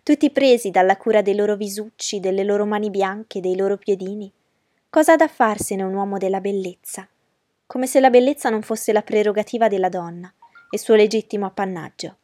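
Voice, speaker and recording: A woman's voice: mid-range voice, a little fast, warm tone, dry recording, clean studio sound, lightly acted. Woman voicing a haughty, imperious young noblewoman. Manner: commanding, scornful, theatrical. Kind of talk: audiobook character reading.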